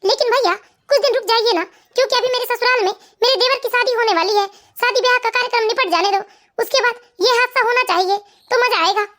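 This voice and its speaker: A woman voicing a spoiled, scheming young sister-in-law in an animated family story, whiny and indignant. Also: very high voice, fast talker.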